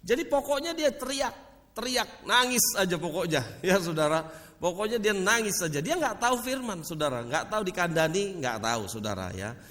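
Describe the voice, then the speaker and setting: Animated preacher with a big hall echo. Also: male voice, moderate pace. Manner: addresses the congregation often as "saudara", animated swings in pitch and loudness. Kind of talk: sermon. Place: church hall. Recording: long hall reverb.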